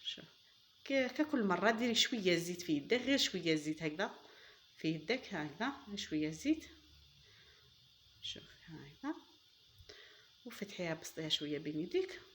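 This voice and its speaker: In a lowish, expressive, fairly bright voice, a woman with an Algerian Arabic accent talks quickly through a recipe on her cooking channel. She's chatty and enthusiastic, calls her viewers "girls," and praises things warmly as she works.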